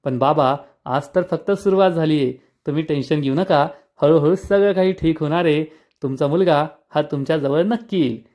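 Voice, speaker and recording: A man's voice: a little high, normal speed, darkish tone, lightly acted. A man voicing a cheerful, caring young woman who speaks eagerly and soothingly. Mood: reassuring.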